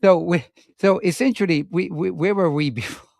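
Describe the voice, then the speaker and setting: A man's voice: high voice, normal speed, vocal fry, a little mellow, dry recording, studio quality. A man co-hosting a podcast, chatting casually in a playful, rambling way and laughing often. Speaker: podcast co-host. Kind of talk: casual chat.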